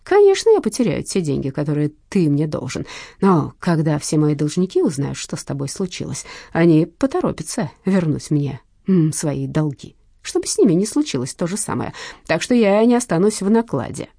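A woman reading an audiobook and voicing a menacing male loan shark with a hoarse, mocking voice. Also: low-pitched, sing-song, moderate pace, dark tone, no echo, studio quality, full character voice. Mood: threatening. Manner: threatening, sneering. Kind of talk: audiobook character voice.

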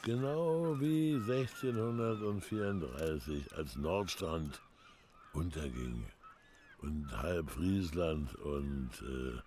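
In a German radio drama, a male actor with an extremely low voice plays an older, doom-saying North Frisian villager telling of dark omens. He speaks slowly with ominous, rambling, fervent storytelling, with music behind the voice and a little hiss or hum.

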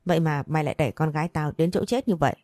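Hot-tempered old father in an audiobook, rapid and furious, read by a woman; low, mellow, dry. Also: no echo, close to an everyday voice. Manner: furious, rapid shouting threats.

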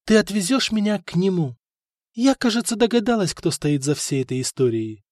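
Man putting on a proud, sharp-tongued queen. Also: high-pitched, expressive, normal speed, no room sound, studio quality, voice pushed up. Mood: demanding. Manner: sharp, decisive, demanding. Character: proud, suspicious queen, adult woman.

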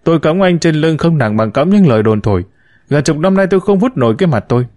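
A man's voice: a little high, animated, fast, no room sound, clean studio sound, close to an everyday voice. A man voicing a bitter, lamenting mother. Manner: reproachful, lamenting, sharp-tongued. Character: bitter, wounded middle-aged mother.

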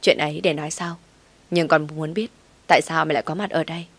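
A woman voicing a wronged wife who speaks with cold, firm calm, in a low voice. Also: brisk, vocal fry.

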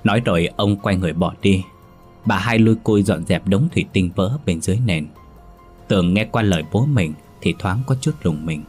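A male storyteller narrates a ghost tale in a deep, husky voice. The delivery is steady and dramatic, with faint music underneath. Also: a little fast. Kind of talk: scripted horror story narration.

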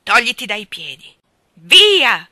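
A woman reading aloud, voicing an angry, hot-tempered older male miller who shouts in furious outbursts. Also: extremely high pitch, moderate pace, no echo, pitched above the performer's own voice, exaggerated voice. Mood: raging.

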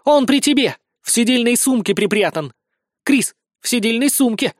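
A man's voice: sits high, brisk, no room sound, clean studio sound, voice pushed up, lightly acted. A man voicing a bold, defiant young tiger-woman warrior who speaks in a ringing, sarcastic tone.

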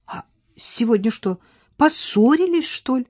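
A woman's voice: sits high, lively intonation, unhurried, a little mellow, no echo, studio quality, voice pushed up. A woman playing a fiery young mother. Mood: bewildered.

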